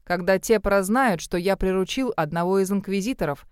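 A woman's voice: mid-range voice, moderate pace, clear, resonant tone, no room sound, studio quality, natural voice. A woman voicing an arrogant, scheming male ship owner who talks in a smug, domineering way. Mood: gloating. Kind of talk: audiobook character reading.

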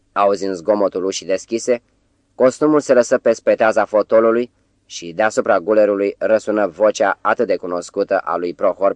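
A man reading a novel aloud as audiobook narrator, measured storytelling. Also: on the low side, dry recording. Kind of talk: scripted narration.

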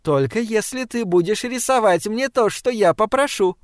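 A capricious young beauty queen, as a male reader puts her on, pert and mocking. The voice sits up high and is recorded dry and close, with no room sound. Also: expressive, moderate pace, no echo.

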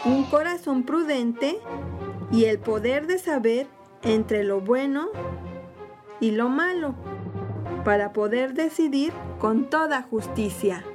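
Slow-speaking woman hosting a Bible quiz. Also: high voice, animated. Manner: slow, careful, encouraging questions. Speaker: host and quiz leader. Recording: music playing under the voice.

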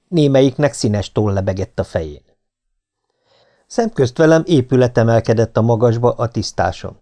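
A man narrating an adventure novel in the first person as an audiobook, in a steady, measured reading. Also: lowish voice.

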